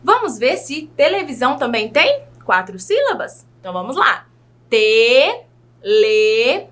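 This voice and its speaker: A Brazilian woman teaching a children's video lesson, spelling out words slowly and patiently, asking her young learners questions as she goes. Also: high voice, huge pitch swings, pushed and bright. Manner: slow, exaggerated enunciation of words.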